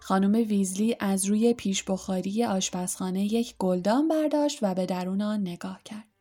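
A woman narrating an audiobook in a calm, even reading voice. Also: mid-range voice, faint music behind. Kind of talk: storybook narration.

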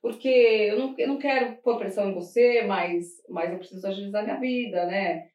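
A Brazilian woman with a Brazilian Portuguese accent chatting casually, telling animated stories, laughing often and acting out what others said. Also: medium pitch, a little fast, dull audio. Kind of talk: casual chat. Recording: roomy sound from a distant mic.

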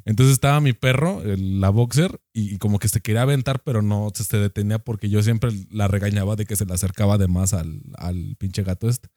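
Mexican dude rattling off a crude story super fast, dark tone, dry sound. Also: male voice, fairly low pitch, dry recording. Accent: Mexican Spanish. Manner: slangy, profane, animated anecdote. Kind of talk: casual storytelling chat.

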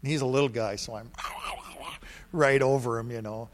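A middle-aged male pastor delivering a sermon in an animated, storytelling way. He punches key words loudly, then drops into quiet, confiding asides. His voice sits at an ordinary pitch. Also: fast talker.

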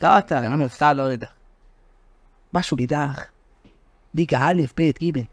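A man co-hosting a casual sports podcast, animated and teasing, telling stories with big swings in his voice. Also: no room sound. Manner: animated, teasing, tells stories with shifts in pitch. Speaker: podcast co-host.

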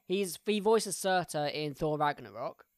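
A man co-hosting a casual podcast, swearing freely and ranting with quick banter. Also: fairly high pitch, animated, dry recording, studio quality. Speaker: podcast co-host.

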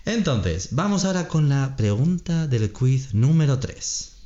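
Slow, patient Spanish quiz host, man. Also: mid-range voice, very animated, mellow, highs cut off. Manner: reads options slowly, explains grammar patiently, laughs often. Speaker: podcast co-host running a quiz. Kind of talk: slow, clear Spanish-lesson quiz chat.

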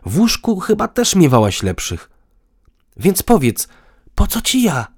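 A man reading the lines of a calm, wry male character in an audiobook. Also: high-pitched, measured pace, husky. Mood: bitter. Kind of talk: audiobook dialogue.

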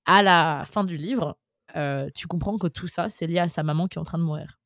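A woman's voice: fairly low pitch, brisk, fairly bright tone, dry recording, studio quality. A woman co-hosting a casual book podcast, talking animatedly with lots of fillers and restarts. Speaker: podcast co-host. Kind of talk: casual chat about books.

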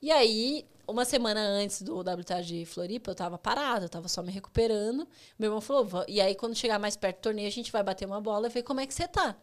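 Animated Brazilian woman telling stories. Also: mid-range voice, fast talker, few pauses. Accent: Brazilian Portuguese. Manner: animated, laughs often, acts out dialogue. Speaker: podcast guest, former tennis player. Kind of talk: casual storytelling chat.

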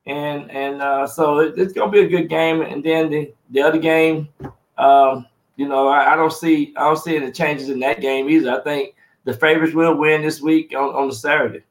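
A man's voice: a little high, steady tone, moderate pace, echoey room, low-quality recording. A man co-hosting a casual sports talk show, rambling and repeating words as he builds each point.

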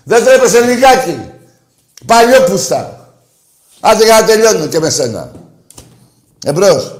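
A man hosting a call-in radio show, combative and insulting toward callers, swinging between loud outbursts and low muttering. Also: sing-song, echoey room. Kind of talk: heated call-in show banter.

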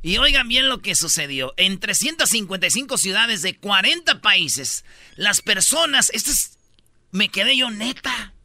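A man hosting a comedy radio show, telling stories in quick slang and acting out the people he quotes. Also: high voice, very animated, pushed and bright, no room sound. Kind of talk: comic radio banter.

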